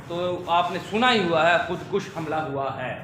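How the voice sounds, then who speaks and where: A man teaching pronunciation to children, slowly repeating wrong and correct forms. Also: on the high side, background noise. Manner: slow, drills correct and wrong forms, addresses dear children. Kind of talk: classroom pronunciation lesson. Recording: echoey room with faint ambience.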